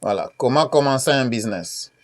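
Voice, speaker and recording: Man from Congo, event host, halting filler-heavy promo delivery, repeats himself. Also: medium pitch, lively intonation. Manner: many fillers and repeated phrases; hesitant, repeats key questions. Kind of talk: casual promotional talk with screen share.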